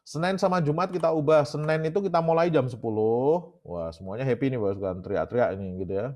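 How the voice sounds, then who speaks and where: A man's voice: on the high side, fast talker, darkish tone. A man with an Indonesian accent giving a casual lecture, chatty and talking straight to his audience. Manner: chatty, keeps addressing the audience as "Bapak Sekalian".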